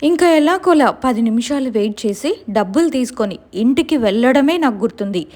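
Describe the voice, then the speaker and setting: A woman's voice: fairly high pitch, lively intonation, fairly quick, a little mellow. A woman casually telling a real-life horror story in a colloquial, conversational way.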